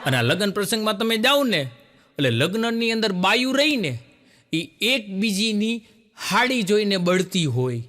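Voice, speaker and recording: A man's voice: sits high, very animated, unhurried, sharp tone. A man, telling folksy jokes live to an audience as a stand-up comedian.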